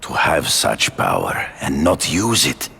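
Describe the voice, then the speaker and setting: An actor playing a proud, grandiose big-game hunter in a video game, delivered like a hammy stage actor. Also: male voice, rumbling low, huge pitch swings, slow, vocal fry, pushed and bright, a little hiss or hum, heavily acted. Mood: proud, menacing. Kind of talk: video game character acting.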